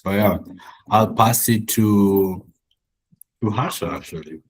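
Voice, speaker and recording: Husky low-voiced man on a call. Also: takes it slowly, low-quality recording. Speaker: community participant. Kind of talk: casual online meeting check-in.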